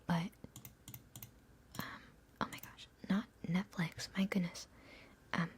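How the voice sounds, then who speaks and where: A woman's voice: medium pitch, a little mellow, slight background noise. A young woman, an ASMR streamer, chatting and answering questions in a whisper, giggly and self-mocking. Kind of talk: whispered live Q&A ramble.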